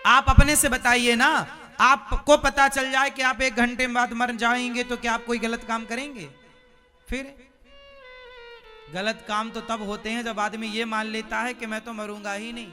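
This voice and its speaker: A man's voice: extremely high pitch, level tone, measured pace, bright, forceful tone, soft background music. A man giving a devotional sermon, telling a story and acting out its characters while asking the audience questions. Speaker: preacher.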